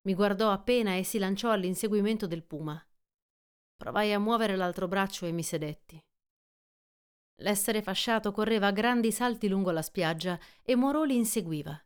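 A woman reading a classic adventure novel aloud as an audiobook, in an even, measured storytelling manner. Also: medium pitch, clean tone. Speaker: audiobook reader. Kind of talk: scripted literary narration.

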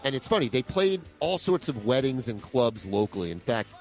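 A man's voice: medium pitch, big pitch swings, normal speed. A man co-hosting a podcast, casually chatting and sharing music trivia. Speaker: co-host of a music countdown podcast. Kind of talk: casual chat.

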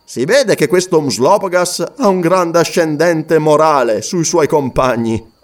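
A dry, ironic gentleman officer making a wry remark, as a man puts him on in an audiobook. The voice drops low and stays understated. He sounds quietly amused. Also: unhurried, close to an everyday voice.

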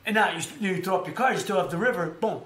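A man with a slightly high voice talks boxing and sports in a loose, rambling way, stacking up fillers and restarts as he goes. His voice rings in an echoey room, with a faint hum of ambience behind him. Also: very fast. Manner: rambling, animated storytelling with many fillers. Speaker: podcast host. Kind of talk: casual sports chat.

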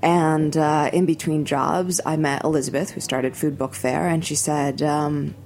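A woman guest on a radio show, chatting casually and quickly about the food events she co-organizes. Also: low voice, fairly even intonation, a little mellow, a little hiss or hum. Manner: quick, chatty, many fillers.

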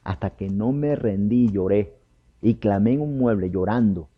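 A man's voice: lowish voice, a little slow. A man preaching a fervent personal testimony, speaking straight to the listener and calling him brother. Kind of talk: emotional testimony and exhortation. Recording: dull lo-fi recording.

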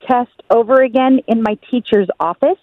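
A woman's voice: fairly high pitch, normal speed, no echo, narrow, tinny audio. A woman calling in to a radio show, cheerful and upbeat as she chats. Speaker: caller, host's sister. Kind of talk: call-in radio chat.

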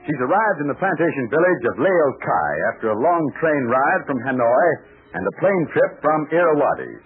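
Lively 1940s radio announcer man, tinny broadcast. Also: moderate pace. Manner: enthusiastic sponsor pitch, lively delivery. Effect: old radio show broadcast. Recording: tinny 1940s radio transcription with faint hiss.

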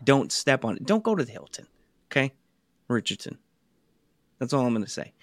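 A man's voice: mid-range voice, big pitch swings, brisk, no echo, clean studio sound, natural voice. A man putting on a brash Italian-American guy with an Italian-American accent, scolding listeners about a bad hotel and asking "okay?" again and again. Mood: indignant. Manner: blustery, scolding, keeps demanding "okay?".

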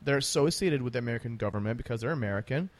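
A man's voice: medium pitch, animated, very fast. A man hosting a conversational interview, talking emphatically and repeating phrases to drive points home. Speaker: interview host.

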